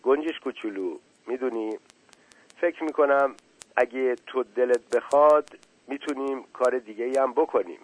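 A bashful young male sparrow from a storybook, soft and gentle, halting as he looks for the right words, as a man reads him. His voice sits at an ordinary middle pitch. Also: dry recording, natural voice, poor audio. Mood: hesitant. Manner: tender, hesitant, searching for words. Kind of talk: storybook character voice.

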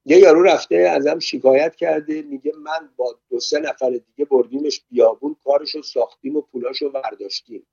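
A man's voice: on the high side, fairly even intonation, creaky, few pauses, warm tone, breathy edge, highs cut off. A man doing a blunt, chatty taxi driver. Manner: blunt, talkative.

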